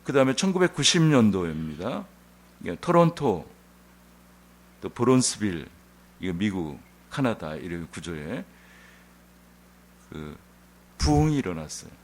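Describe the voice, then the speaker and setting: A male pastor preaching a Sunday sermon in an animated, conversational storytelling manner. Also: fairly low pitch, measured pace, long pauses. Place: church sanctuary.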